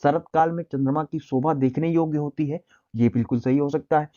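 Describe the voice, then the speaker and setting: A man's voice: on the high side, brisk, highs cut off. A man teaching an exam-prep language lesson, reading out answer options one by one and then explaining which is correct.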